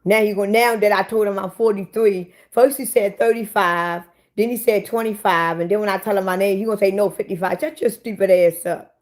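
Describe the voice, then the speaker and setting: A woman's voice: mid-range voice, fairly even intonation, fairly quick. 40-something woman on her live, cussing out commenters, blunt and casual. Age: 40s. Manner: blunt, profane, talks back to commenters. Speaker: livestream host. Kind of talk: casual livestream chat with viewers.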